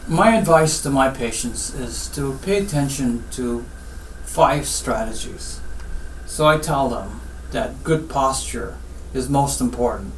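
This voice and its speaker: A man from Guyana who works as a spinal surgeon, answering interview questions in a measured, instructive way. He often returns to what he tells his patients. The recording sounds roomy and slightly distant, with faint ambience behind him. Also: mid-range voice, expressive, a little hiss or hum. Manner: measured, advice-giving, repeats "I tell them".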